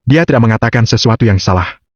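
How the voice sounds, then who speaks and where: A man narrating a web novel in a steady, even reading voice. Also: medium pitch, quick pace, breathy edge, no room sound. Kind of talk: scripted narration. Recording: dull, dry lo-fi recording.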